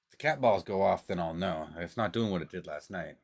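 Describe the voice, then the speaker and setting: A man streams from home with his camera set on a table, talking in a loose, rambling and often profane way. His voice sits very low. The sound is dry and close, with almost no room echo. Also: a little fast. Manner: rambling, loose and profane, talks with mouth full at times. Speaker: streamer doing tarot readings. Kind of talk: casual livestream chat.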